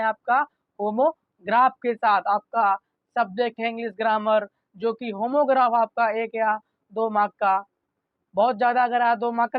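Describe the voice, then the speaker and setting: A male teacher giving an online grammar lesson. He keeps asking rhetorical questions, answers them himself, and reads example sentences out slowly. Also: high voice, dry recording. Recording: dull lo-fi recording.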